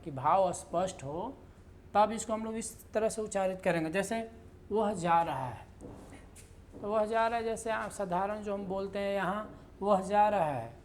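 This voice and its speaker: A woman gives a grammar lesson at a very unhurried pace, explaining step by step with fillers and repeated example sentences. Her voice sits at a middle pitch, with a faint hum of noise behind her. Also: darkish tone. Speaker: Hindi grammar teacher. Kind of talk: lecture.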